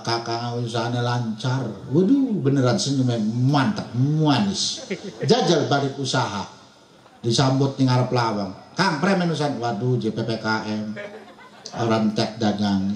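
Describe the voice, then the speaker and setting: A man with a Serang Javanese accent giving a comic sermon at a wedding gathering, laughing often and acting out villagers. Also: mid-range voice. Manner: jokey, laughing, acts out villagers. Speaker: preacher. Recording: echoey event sound system.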